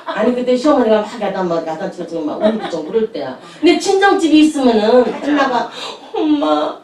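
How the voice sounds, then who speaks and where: A woman's voice: fairly high pitch, big pitch swings, fast talker, darkish tone. A woman pastor telling chatty anecdotes in a sermon, laughing often as she speaks. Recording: echoey room, distant mic.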